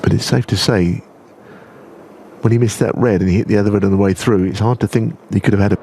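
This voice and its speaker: A man giving understated, analytical snooker commentary in the hushed, measured manner of a golf commentator. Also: on the low side, fairly even intonation, a little hiss or hum.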